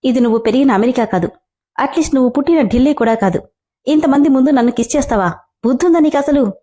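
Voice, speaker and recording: A woman's voice: high-pitched, quick pace, dark tone. A woman voicing a stern young man, a company boss, with clipped scolding commands in a story reading.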